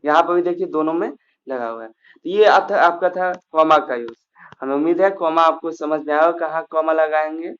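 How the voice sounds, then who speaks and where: A man teaching a grammar class, walking through each point step by step, often pausing on fillers and starting over. His voice sits a little high. The recording sounds dull and lo-fi. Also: fairly bright tone. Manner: explains step by step with frequent fillers and restarts.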